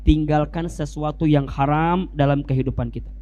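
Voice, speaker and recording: A male Islamic preacher, giving a lively sermon full of rhetorical questions and joking asides. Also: fairly high pitch, moderate pace, muffled recording.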